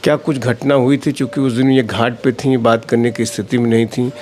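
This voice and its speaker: Male field reporter, mid-range voice, steady probing questions. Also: mid-range voice, fairly quick. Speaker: local news reporter.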